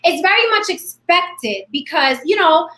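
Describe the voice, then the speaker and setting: Brash, bright-voiced woman in her forties. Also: extremely high pitch, a little slow, echoey room. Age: 40s. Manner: brash, blunt and animated. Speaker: host. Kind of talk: live online panel talk. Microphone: webcam.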